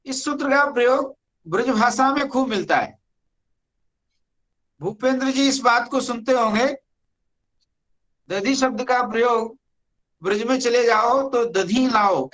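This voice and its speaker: Grammar teacher, online class lecture, very unhurried delivery, repeats key words. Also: medium pitch, a bit bright, poor audio.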